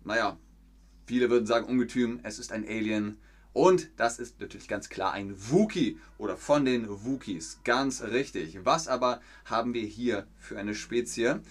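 A man's voice: medium pitch, moderate pace. A man chatting casually on a live stream, reading viewer comments aloud with many hesitant fillers. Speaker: streamer hosting a fan quiz.

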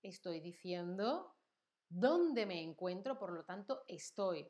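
A young Spanish woman teaching her language on a live stream, speaking slowly and deliberately. She acts out everyday examples with lively exaggeration. She keeps checking in with her viewers as she explains. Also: on the low side. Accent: Spanish from Spain. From Spain.

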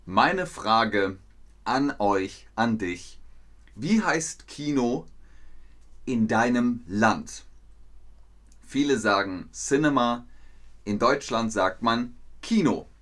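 A man teaching a language lesson on a live stream, speaking slowly and clearly, repeating simple phrases and acting out short dialogues. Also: medium pitch, lively intonation, fairly bright tone. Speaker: German teacher streaming online.

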